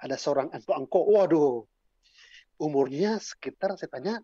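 A man's voice: fairly high pitch, normal speed, warm tone, slightly rough, no room sound. A male evangelist giving an informal, chatty sermon talk full of casual fillers, on a dull lo-fi recording. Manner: chatty, colloquial, frequent fillers.

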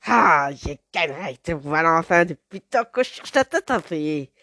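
Lady putting on a gruff storybook hunter, low and loud, bit gravelly. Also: animated, moderate pace, no room sound, clean studio sound, heavily acted. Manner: low and forceful. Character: gruff village hunter, grown man, bold.

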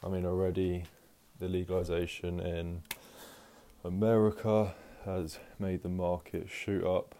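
Out of breath, a man hosts a casual solo podcast from home, rambling with lots of fillers and restarts as he moves around the house. His voice sits low and sounds mellow, level in tone and unhurried.

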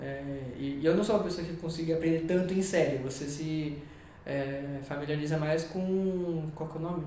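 A Brazilian man talks quickly in a casual podcast chat, his voice sitting a bit higher than most men's. He rambles, restarts sentences and hunts for words. The room rings with strong echo and a faint hiss. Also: fairly even intonation, dark tone. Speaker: guest.

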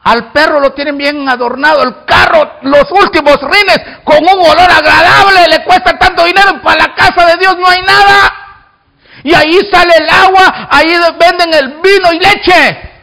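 High, gravelly fervent preaching pastor. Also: male voice, normal speed. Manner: fervent preaching, shouting calls then dropping low, jokes with the congregation. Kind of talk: sermon.

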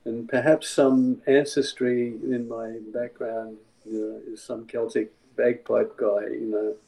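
A man's voice: mid-range voice, flat delivery, a little slow, gravelly, mellow, low-quality recording. A man from the Czech Republic, a songwriter guest explaining his music in a thoughtful, rambling way. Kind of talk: casual interview.

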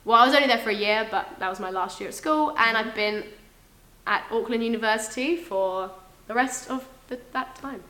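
A young woman from England hosting a casual podcast chat, loud and quick to laugh at herself. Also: fairly high pitch, echoey room. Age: young adult. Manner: loud, laughing, self-mocking. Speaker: podcast host, engineering student.

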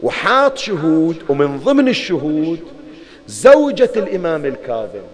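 Bahraini preacher man, animated sermon storytelling, talks straight at the crowd. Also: on the high side, normal speed, low-quality recording. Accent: Bahraini Arabic. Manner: animated storytelling, addresses listeners directly. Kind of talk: religious mourning sermon.

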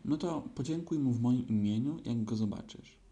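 A man voicing a gloomy, self-pitying old donkey in a storybook reading, talking slowly and sulkily. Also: medium pitch, dark tone, natural voice. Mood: mournful. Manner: slow, sulky, complaining.

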